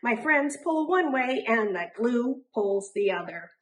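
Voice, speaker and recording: Lady reading a kids picture book out loud, real slow and animated, kinda high voice. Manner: animated, deliberate, drawn-out emphasis on rhyming words. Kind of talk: expressive children's storybook narration.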